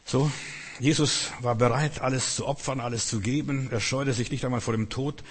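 A man's voice: mid-range voice, fairly even intonation, normal speed, slightly rough. A man preaching a sermon, earnest and emphatic, repeating his key phrases. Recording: long hall reverb.

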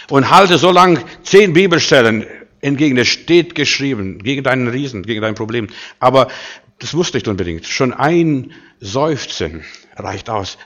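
A man preaching a sermon, emphatic and full of rhetorical questions, moving between loud declarations and quiet asides. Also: mid-range voice.

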